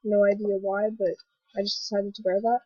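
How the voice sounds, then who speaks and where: A young woman with a stuffy cold voice hosting a casual gaming commentary vlog, rambling excitedly with lots of fillers. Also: mid-range voice, a little fast, background noise. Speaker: gaming video host. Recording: dull lo-fi voice recording.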